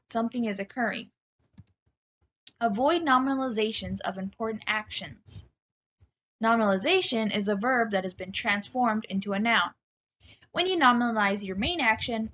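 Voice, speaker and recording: Female writing instructor, clear and instructive, slightly dull lo-fi recording. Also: a little high, fairly bright tone, slight background noise. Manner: clear, instructive, addresses students directly. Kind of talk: recorded lecture.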